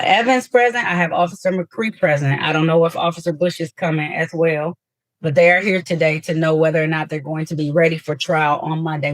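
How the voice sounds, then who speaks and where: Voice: medium pitch, fairly bright tone, no room sound. Judge heard on a dry courtroom recording. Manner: formal and procedural with frequent ums. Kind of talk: courtroom hearing.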